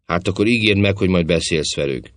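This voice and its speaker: A man's voice: low voice, no echo, lightly acted. A man reading an audiobook, voicing a vain, flirtatious stage actress who teases and coaxes in a coquettish manner. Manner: coquettish, teasing, affectionate. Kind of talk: audiobook character voice.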